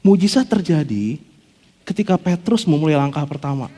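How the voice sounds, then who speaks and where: In a church hall with long reverb, a pastor delivers a casual, joking sermon, animatedly acting out quotes as he goes. His voice is fairly high and his pace normal, with soft music playing in the background.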